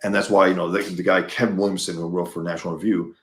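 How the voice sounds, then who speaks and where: A man's voice: sits low, little pitch movement, fast talker, reverberant. A man from the United States, a guest in a casual conversation, talking emphatically and repeating words as he gets worked up.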